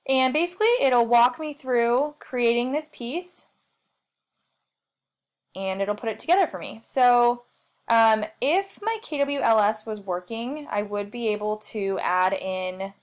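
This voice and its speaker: Chatty woman giving a software walkthrough. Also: fairly high pitch, a little slow. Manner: chatty, self-deprecating, thinking aloud. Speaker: marketing trainer. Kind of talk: screen-share software tutorial.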